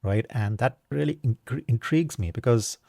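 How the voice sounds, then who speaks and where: A man's voice: medium pitch, moderate pace, creaky, mellow, dry recording, clean studio sound. A man from India hosting a solo podcast, talking in a casual, thoughtful way, with lots of "um", "you know" and "right?". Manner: casual, thoughtful, many fillers and tag questions. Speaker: podcast host. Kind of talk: reflective solo talk.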